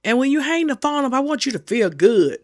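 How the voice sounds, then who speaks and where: A woman's voice: high-pitched, very animated, fairly quick, no room sound, studio quality. A middle-aged woman giving earnest, folksy advice to camera, repeating her warnings for emphasis. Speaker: senior safety channel host. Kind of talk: casual advice talk to camera.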